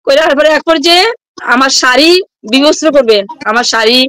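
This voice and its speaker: A woman's voice: high-pitched, fairly quick, fairly bright tone, dry recording, rough recording. A woman schoolteacher, giving an urgent, rambling first-person testimony and repeating herself. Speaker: schoolteacher, interview guest.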